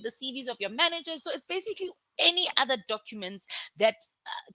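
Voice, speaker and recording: A woman lecturer talks through course material in a chatty, emphatic way and breaks off into lively asides to her students. Her voice is bright and sits close to the mic. The sound is dry and a bit dull, like lo-fi lecture audio. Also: mid-range voice, dry recording. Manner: conversational, animated, emphatic asides. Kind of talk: recorded university lecture.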